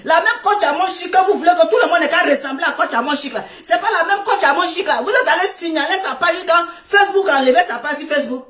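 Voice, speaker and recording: A high-pitched middle-aged woman with a West African French accent rants on a phone live stream, loud and laughing as she scolds. Her voice sits back from the mic in an echoey room. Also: fast talker, few pauses, far from the mic. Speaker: Facebook live host. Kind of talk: Facebook live rant.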